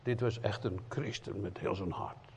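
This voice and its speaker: A man preaching a sermon in as an evangelist, emphatic, swinging between loud cries and quiet earnest asides. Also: on the low side, normal speed, gravelly, slightly rough. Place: church hall. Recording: dull lo-fi sound in a reverberant church hall.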